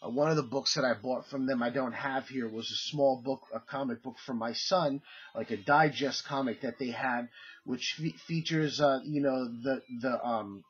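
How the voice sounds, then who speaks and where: A comic-collecting vlogger with a cold shows off his latest purchases in a casual haul video, rambling along with plenty of fillers and restarts. He sounds congested and under the weather, his mid-range voice husky and steady at a moderate pace. The audio is dull.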